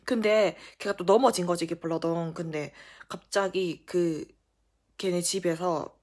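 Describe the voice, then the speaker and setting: A young adult woman vlogger telling a story in a casual storytime style, animated and full of fillers. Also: on the low side, unhurried.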